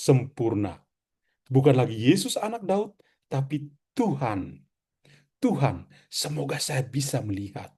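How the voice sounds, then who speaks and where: A man's voice: medium pitch, warm tone. A man, a priest, preaching a devotional reflection in a conversational way, asking rhetorical questions and adding casual asides.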